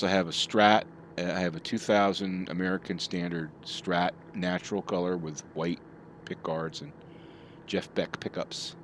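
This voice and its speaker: A middle-aged streamer chats casually with his live chat while playing, rambling from one topic to another. His voice sits low, with background noise in the recording.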